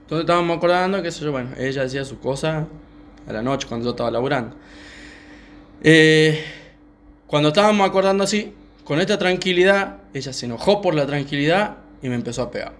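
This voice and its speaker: A young man with a Rioplatense Spanish accent, calmly telling a personal story on a podcast, with many fillers. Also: fairly high pitch, slight background noise. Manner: calm, unhurried, many fillers. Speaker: podcast co-host. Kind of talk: casual storytelling chat.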